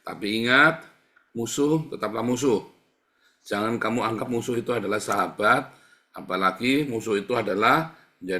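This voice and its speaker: Man, pastor, sermon, bright tone, repeats lines for emphasis, dynamic delivery. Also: fairly low pitch. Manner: emphatic preaching, repeats phrases, swings from quiet to loud.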